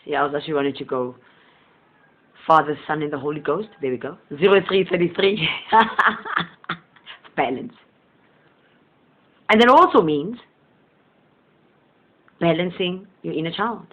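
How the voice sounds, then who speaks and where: This motivational channel host is animated yet a little slow, leaving long pauses in his mid-range voice as he gives a casual spiritual monologue. The sound is tinny, like a phone line. Southern Sesotho is his first language, and he rambles warmly and earnestly, chuckling frequently.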